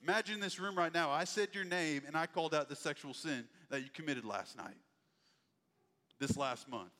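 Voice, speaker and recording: A man's voice: fairly high pitch, normal speed, pushed and bright, big-room sound. A man preaching a sermon in a conversational, folksy way. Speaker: pastor.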